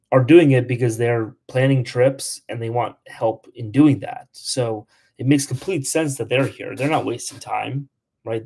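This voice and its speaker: Hosting a laid-back livestream about travel, a young man from Poland responds to comments in a mid-range, darkish voice. His talk is loose and full of "like," with blunt remarks aimed at trolls.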